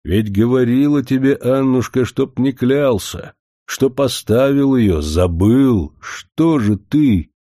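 A stern, weary old grandfather grumbles in gruff, old-fashioned village speech, as a man reads him in a story. The voice is mellow and dark and moves a lot. The recording is close and dry. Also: mid-range voice, expressive, takes it slowly, no room sound, pitched above the performer's own voice. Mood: grumbling.

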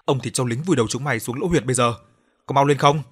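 A man's voice: mid-range voice, fast talker, a bit bright, breathy edge. A man voicing a foul-mouthed older village chief who bullies and curses, bellowing threats in an audiobook. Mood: furious. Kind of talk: audiobook character voice.

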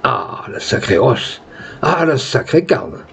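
A man's voice: medium pitch, big pitch swings, slow, creaky, fairly bright tone, slight background noise, heavily acted. A man voicing a greedy, hot-tempered old peasant who talks in rustic country speech and sputters out exclamations. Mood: cursing.

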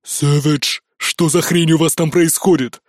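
A man's voice: a little high, steady tone, a little slow, dry recording, natural voice. Brief: man playing a barking colonel, close dry sound. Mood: alarmed. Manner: blunt, urgent. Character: gruff male colonel on comms, alarmed.

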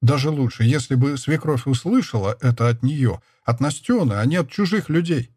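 A man narrating a literary novel in a measured, steady scripted reading. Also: medium pitch, slightly rough, no echo, clean studio sound. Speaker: audiobook narrator.

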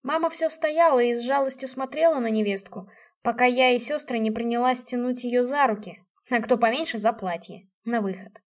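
A woman narrating a first-person story in a lively, expressive way. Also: fairly high pitch, moderate pace. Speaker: audiobook narrator.

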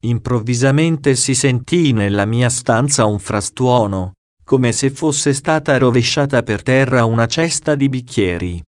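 Slow, solemn male reader, dry sound. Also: medium pitch, lively intonation, dry recording. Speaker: audiobook reader. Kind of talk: reading a diary aloud.

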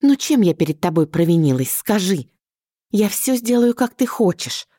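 A woman voicing a distraught middle-aged mother who pleads and reproaches in a shrill, wailing voice. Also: big pitch swings, moderate pace, warm tone, dry recording, studio quality. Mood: sobbing pleas.

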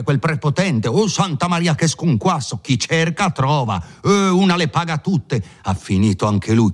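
A man voicing excited street bystanders who chatter in a shrill, gossipy way about a killing. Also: husky.

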